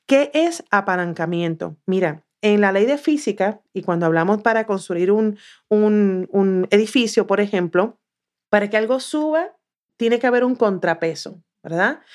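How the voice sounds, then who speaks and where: A woman from southern Puerto Rico with a Puerto Rican accent, a podcast guest telling her story in a lively way and acting out what she once said. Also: medium pitch, normal speed. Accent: Puerto Rican Spanish. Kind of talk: casual interview.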